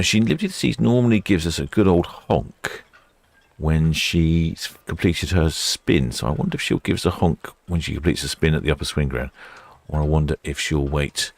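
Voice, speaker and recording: A man with a deep voice hosts a casual livestream. He gives chatty commentary on passing ships and muses aloud. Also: moderate pace, gravelly, dry recording. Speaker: livestream host. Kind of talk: casual live ship-spotting commentary.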